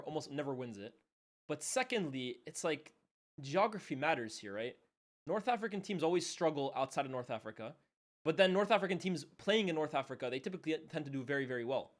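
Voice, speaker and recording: Young guy streaming a footy watchalong, kinda high voice, super casual, says bro every other line. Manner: loose and chatty, peppered with "bro" and "man", laughing often. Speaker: streamer hosting a football watchalong. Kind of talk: casual live-stream chat and match commentary.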